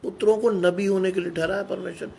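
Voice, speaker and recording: A middle-aged male preacher delivers a sermon in a notably high voice. He exhorts his listeners, pressing them again and again with rhetorical questions. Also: steady tone, quick pace, creaky, dark tone, husky. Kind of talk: Hindi sermon.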